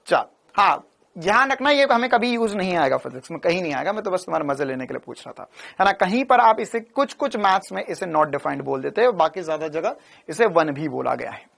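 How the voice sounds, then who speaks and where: A man's voice: sits high, big pitch swings, fairly quick, gravelly, fairly bright tone. A male physics teacher giving an online coaching class, repeating phrases and firing questions at his students. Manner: keeps asking viewers to confirm and give a thumbs up.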